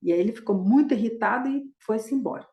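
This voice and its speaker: A woman's voice: a little high, animated, fast, echoey room, highs cut off. A woman dharma teacher retelling a Buddhist story in a conversational way, constantly adding short tag questions.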